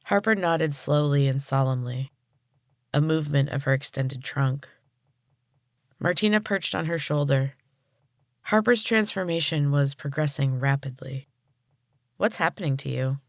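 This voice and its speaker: A woman podcast host narrating a storybook chapter in a calm, measured way. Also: low-pitched, no room sound, clean studio sound.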